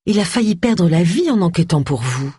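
A reader voicing Mrs Bugsby, a polite, motherly woman who gently pleads and protects. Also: medium pitch, sing-song, normal speed, husky, dry recording, clean studio sound.

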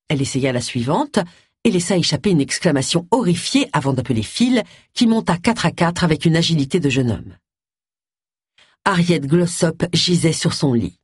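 An audiobook narrator reading a mystery novel with an expressive delivery. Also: medium pitch, normal speed, slightly rough, dry recording, studio quality.

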